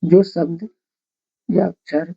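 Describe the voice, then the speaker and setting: A grammar teacher dictating notes slowly, repeating phrases word by word and asking questions before answering them. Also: mid-range voice, steady tone, creaky, mellow, breathy edge. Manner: slow, repetitive dictation, breaking sentences into single words. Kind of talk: blackboard-style grammar lesson, dictating notes. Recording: dull lo-fi recording.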